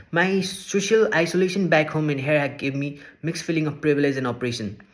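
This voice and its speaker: An earnest young man from Nepal, a social work student, reads a prepared class presentation in English. His voice is a little high and fairly bright, and he speaks in a measured way, going through his points one by one.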